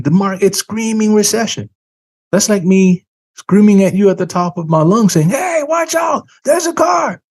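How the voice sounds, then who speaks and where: A man hosting a finance talk, speaking earnestly and emphatically, slowing down to stress key words, and saying he feels tired. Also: a little high, mellow. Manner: earnest, preachy, emphatic with dramatic slow stresses. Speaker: financial show host. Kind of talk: solo commentary monologue.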